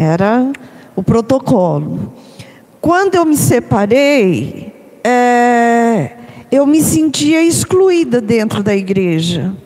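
A Brazilian woman with a slightly high voice talks slowly and thoughtfully, pausing on fillers and checking in with her listeners. Her voice carries a long reverb from the room. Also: a little mellow. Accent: Brazilian Portuguese. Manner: hesitant, many fillers and tag questions. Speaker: discussion participant. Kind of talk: personal reflective talk.

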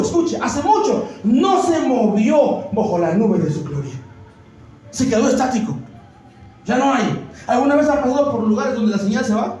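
A pastor preaches in a strikingly high voice, firing questions at the congregation and rising to shouts. His sermon rings through a very echoey church hall. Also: distant mic. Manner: preaches with call-and-response questions, often shouting. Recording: heavy echo of a church hall.

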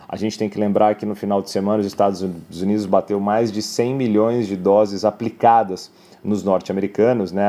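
A man with a low, warm, mellow voice, commenting on markets in a news segment. He explains at length, filling his sentences with tag questions and brief restarts. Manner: explanatory, many filler "né" tags. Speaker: market analyst.

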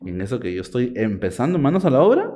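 A man with a Peruvian Spanish accent telling a personal story in a casual chat, campy and animated, often breaking into laughter. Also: mid-range voice, fast talker. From Peru.

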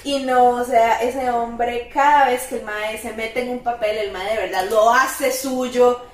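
A young Costa Rican woman co-hosting a casual chat, animated and slangy, acting out quotes. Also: on the high side, unhurried. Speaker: podcast co-host. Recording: echoey room, mic at a distance.

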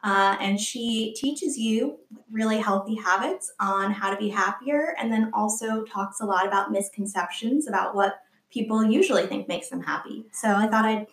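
Relaxed woman guest, mid-pitched voice, explaining in an echoey room. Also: moderate pace, hardly any pauses. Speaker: podcast guest. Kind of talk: casual interview. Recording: roomy echo.

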